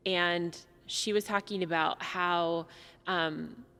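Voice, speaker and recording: A woman's voice: on the low side, steady tone, takes it slowly, sharp tone, clean tone. A woman guiding a casual conversation, listening attentively and chiming in with brief responses. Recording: reverberant room.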